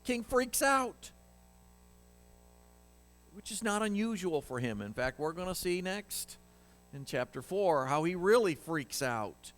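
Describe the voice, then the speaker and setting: A man's voice: high voice, very animated, takes it slowly, pauses often, a bit bright. A man preaching a sermon in a church, conversational and emphatic, often asking the congregation questions. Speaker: pastor.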